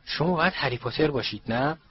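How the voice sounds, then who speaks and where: Squeaky timid she-elf servant played by a man, anxious, deferential, storybook reading, dull lo-fi sound. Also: husky. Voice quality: high squeaky voice. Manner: anxious, deferential, keeps saying sir. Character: timid fretful female house-elf servant.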